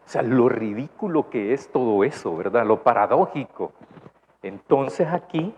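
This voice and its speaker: Salvadoran pastor, chatty sermon, dull recording. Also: male voice, medium pitch, lively intonation, a little slow, darkish tone, husky. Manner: asks the congregation questions, tag "¿verdad?". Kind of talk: conversational sermon. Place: church. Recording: dull lo-fi church recording, faint noise.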